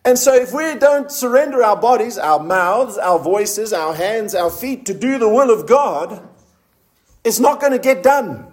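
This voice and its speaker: A male preacher giving a sermon. He asks the congregation questions and drops low and slow when he reads scripture aloud. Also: animated. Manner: slows down to read scripture in a low, solemn voice.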